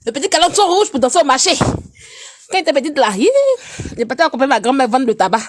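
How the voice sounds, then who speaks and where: A fast-talking woman with a cold chats away on an easygoing live stream, alternating loud teasing with soft, low murmurs.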